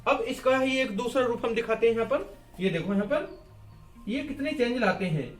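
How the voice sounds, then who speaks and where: High-voiced man teaching Hindi grammar. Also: moderate pace, faint music behind. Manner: asks and answers his own questions, repeating key words; writes and erases on a board while explaining. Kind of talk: classroom-style grammar lesson at a board.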